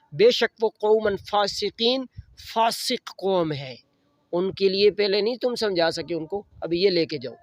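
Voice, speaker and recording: A man teaching a religious lesson. He recites Arabic verses slowly and then explains them in Urdu. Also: a little high, dry recording, muffled recording. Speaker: Quran teacher.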